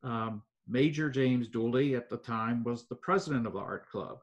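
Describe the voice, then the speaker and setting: An older man, telling local history in an interview at an even pace with many fillers. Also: mid-range voice, highs cut off. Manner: measured storytelling with frequent fillers. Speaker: foundation president, guest.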